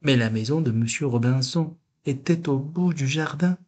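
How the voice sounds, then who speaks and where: A man reading a children's storybook aloud in a slow, gentle storytelling manner. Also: medium pitch. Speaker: storybook reader.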